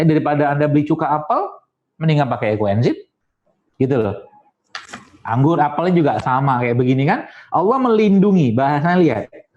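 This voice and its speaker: A man gives a religious health talk to an audience. He speaks in a fairly high voice, chatty and joking, with little sound effects and asides. The recording sounds dull and lo-fi. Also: darkish tone. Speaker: preacher and doctor giving a health talk.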